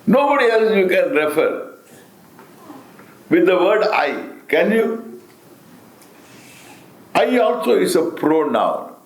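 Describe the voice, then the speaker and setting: Slow Indian man teaching, swooping pitch. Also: big pitch swings. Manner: deliberate, emphatic, with repetition and rhetorical questions. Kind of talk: spiritual discourse. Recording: roomy, echoing sound.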